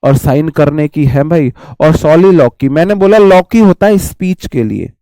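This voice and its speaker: A man's voice: fairly high pitch, animated, moderate pace, warm tone, dry recording. A man teaching vocabulary in an online exam-prep class, chatty and repetitive, explaining words with homely examples and calling viewers his brother.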